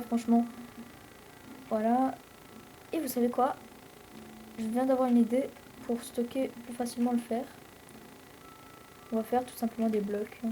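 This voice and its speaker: Young woman, chatty game commentary, mellow voice, rambling fillers. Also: a little high, a little hiss or hum, rough recording. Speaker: let's play host. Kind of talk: casual gameplay commentary.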